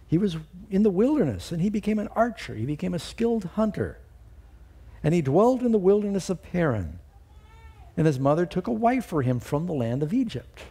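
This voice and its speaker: A middle-aged pastor preaching a storytelling sermon in a warm, mellow man's voice. He lifts his voice high and loud whenever he quotes scripture, then drops back to an easy narrating tone.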